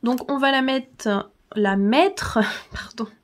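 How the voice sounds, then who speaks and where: A woman hosting a casual tutorial vlog, chatty, laughing often and filling pauses with "euh". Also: high voice. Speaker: channel host.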